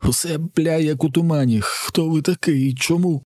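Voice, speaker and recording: A man voicing a tall, heavy young man who is panicked and sobbing, pleading in a high, whimpering voice. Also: fairly even intonation, normal speed, dark tone, no echo, studio quality, lightly acted.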